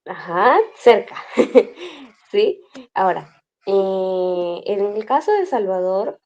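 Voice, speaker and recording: A woman's voice: mid-range voice, lively intonation, slow pace, a little mellow, dull audio. A woman teaching a language class over a video call, explaining patiently step by step and checking in with her students often.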